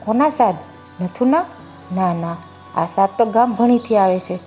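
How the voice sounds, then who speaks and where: A woman's voice: medium pitch, animated, a little slow, dark tone, faint music behind, natural voice. A woman voicing a heartbroken young village bride who pleads desperately.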